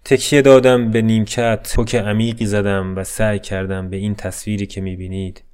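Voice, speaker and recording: A man narrating a scripted story in a calm, melancholy, deadpan way. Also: on the low side, clear, resonant tone. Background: faint music.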